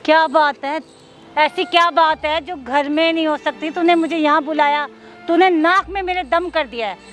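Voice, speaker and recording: A woman's voice: very high voice, normal speed, fairly bright tone, soft background music. An actress playing a harsh stepmother who nags and scolds her stepdaughter in a staged drama. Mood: scolding. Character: harsh scolding stepmother, middle-aged woman. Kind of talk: staged social drama acting.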